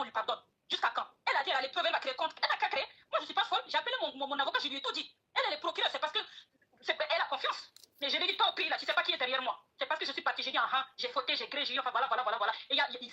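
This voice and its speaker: A woman's voice: sits high, bright, forceful tone, muffled recording. A woman talking heatedly on a live stream from home, insisting on her side, repeating herself and swearing oaths. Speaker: guest speaker on a live stream. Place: at home, neighbours nearby.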